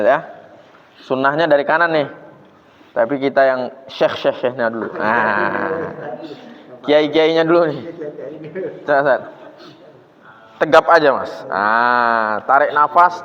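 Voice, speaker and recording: A male Quran teacher leading a recitation drill. He sounds out syllables slowly, chants them for a group to repeat, and patiently corrects their pronunciation. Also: medium pitch, animated. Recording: echoey hall, dull lo-fi sound.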